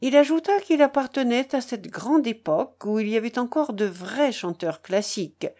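A woman reading a classic novel aloud as narrator, with expressive, dramatic storytelling. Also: medium pitch. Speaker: audiobook narrator.

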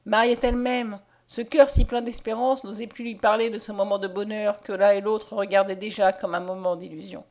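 A woman's voice: medium pitch, fairly even intonation, brisk, hardly any pauses, a little mellow. Woman reading a novel aloud. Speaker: reader.

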